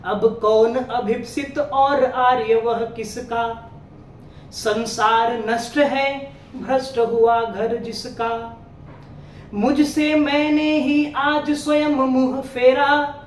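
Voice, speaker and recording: A man reciting verse as a grieving, loyal young prince, declaiming in anguish, recorded far off in a roomy space with a faint rumble. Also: fairly even intonation, extremely slow, full character voice. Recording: roomy echo, distant mic, faint rumble.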